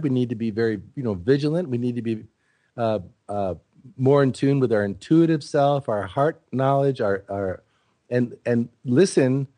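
A man's voice: mid-range voice, warm tone, no room sound. Earnest rambling man, very dry sound. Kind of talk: casual reflective conversation.

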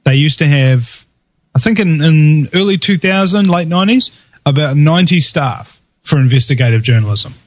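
A man's voice: fairly high pitch, expressive, moderate pace, no room sound. Man with a broad Kiwi accent. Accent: broad New Zealand. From New Zealand. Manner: sarcastic, acts out imagined dialogue. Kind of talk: casual opinionated talk.

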